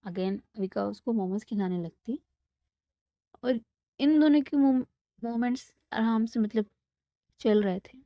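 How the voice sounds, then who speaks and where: A woman's voice: on the high side, measured pace, long pauses, no room sound. A young woman telling a romantic story in a casual, chatty way, mixing in English words. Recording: dull lo-fi dry sound.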